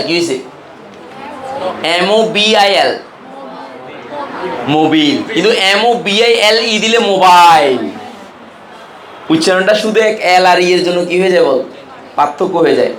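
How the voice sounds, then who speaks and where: Male chemistry teacher, Chittagong Bengali accent, higher pitch, quizzes the class, echoey classroom. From Bangladesh. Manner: drills students with call-and-response questions and mnemonics. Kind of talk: classroom lecture.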